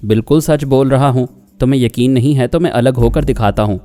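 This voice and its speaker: A man's voice: mid-range voice, a little fast, warm tone, no echo, faint music behind, lightly acted. A man voicing a torn young man who speaks in a coaxing, placating way.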